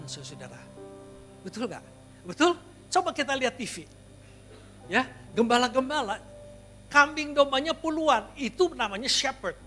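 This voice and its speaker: A male pastor preaching a sermon at a church service. He tells personal stories, then builds to loud, emphatic exhortation, slipping English phrases into his preaching. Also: sits high.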